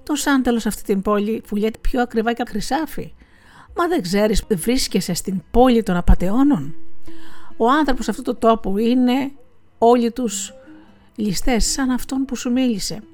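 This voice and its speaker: A woman's voice: fairly high pitch, darkish tone, soft background music, close to an everyday voice. A woman voicing a poor, wise old woman who warns and scolds like a mother. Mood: urgent warning. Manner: urgent, warning, motherly.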